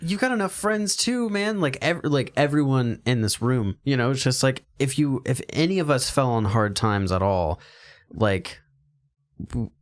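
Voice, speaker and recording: A man's voice: medium pitch, expressive, unhurried. Friendly guy on a podcast, reassuring, does little quoted voices. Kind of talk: casual chat.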